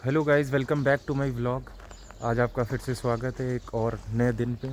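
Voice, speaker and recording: A man's voice: mid-range voice, fairly even intonation, slow pace, noisy background. A young man from India, a medical student, chatting casually as he walks and explains his day. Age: young adult. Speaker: vlogger, medical student abroad. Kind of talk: casual vlog narration. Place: outdoors in the cold and inside a gym.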